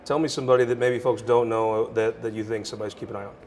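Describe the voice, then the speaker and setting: Man, political talk host, quick chatty delivery, fast pace, long reverb, faint hiss. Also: fairly low pitch, level tone, darkish tone. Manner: quick, conversational, joking with guests. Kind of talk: political interview and panel talk.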